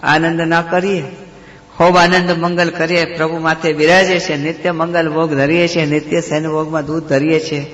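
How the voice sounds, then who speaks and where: A man's voice: a little high, flat delivery, normal speed, fairly bright tone, highs cut off. A man telling devotional stories in a sermon, explaining them and asking rhetorical questions. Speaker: devotional storyteller. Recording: echoey hall reverb.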